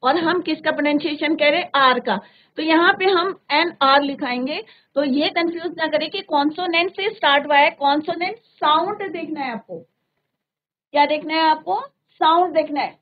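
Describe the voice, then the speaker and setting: At a moderate pace and in a high voice, a woman leads a classroom grammar lesson that blends Hindi with English, checking often whether students follow. She's recorded in a classroom studio with phone-like narrow-band sound.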